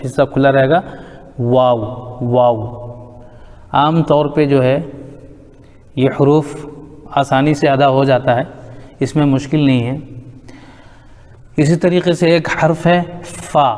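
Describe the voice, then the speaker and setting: A man teaching Quranic letter pronunciation, explaining calmly and repeating each letter slowly for practice. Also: on the high side, in a large hall. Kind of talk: tajweed lesson on letter articulation.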